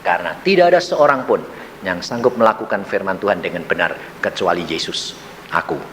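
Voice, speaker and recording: A grave, low-voiced Jesus, as a preacher puts him on. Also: male voice, fairly quick, fairly bright tone, big-room sound, slight background noise. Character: calm, authoritative male Jesus.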